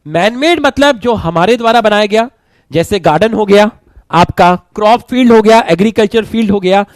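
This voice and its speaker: A man with a sore throat giving a brisk online revision lecture, urging his students to hurry along. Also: high voice, no room sound. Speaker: online teacher.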